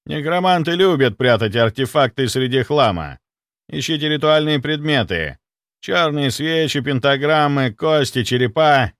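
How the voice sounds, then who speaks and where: A man's voice: mid-range voice, animated, normal speed, a bit bright, no echo, clean studio sound, voice pushed up. Man voicing a stern barking captain. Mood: commanding. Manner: barking orders. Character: stern male inquisition captain, commanding.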